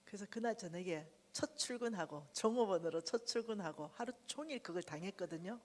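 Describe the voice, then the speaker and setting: A woman's voice: medium pitch, brisk. A middle-aged woman giving a testimony sermon at a revival meeting, telling her story vividly. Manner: animated storytelling, acting out quotes loudly. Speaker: guest speaker at a church revival meeting. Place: church sanctuary. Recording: church hall reverb.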